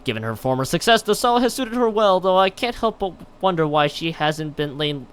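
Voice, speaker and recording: A game streamer livestreams a visual novel, stumbling as he reads it aloud and breaking in with casual exclaimed reactions. His voice is fairly high, animated and brisk, with a clear, resonant tone.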